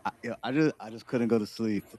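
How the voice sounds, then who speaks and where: A man's voice: on the low side, fast, darkish tone. A man co-hosting a sports talk show, chatting casually with frequent stammered restarts. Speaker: podcast co-host.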